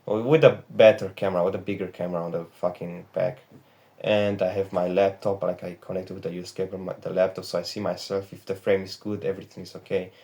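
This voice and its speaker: A man's voice: deep voice, flat delivery, fast talker, dark tone. An 18-year-old man from Romania with a Romanian accent, talking in a candid, rambling and profane confessional vlog from his bedroom into a phone camera. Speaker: trading vlogger. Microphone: phone back camera.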